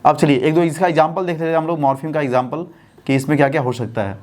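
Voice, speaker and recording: A man teaching a basic English grammar class. He asks the class questions and then answers them himself, and he slows right down to dictate when he spells words out. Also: a little high, steady tone, darkish tone. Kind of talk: classroom-style lesson explanation.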